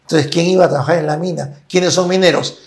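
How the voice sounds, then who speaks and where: In a conversational interview, a male guest speaks fast in a fairly high voice with fairly even intonation. He gives long explanations and tends to tag his points with "¿no es cierto?"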